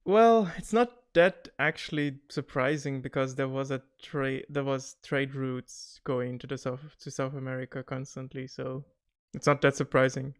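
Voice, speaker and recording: A man, a podcast guest in casual chat, animated and quick to laugh, often restarting his sentences. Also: medium pitch, clean tone. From Germany.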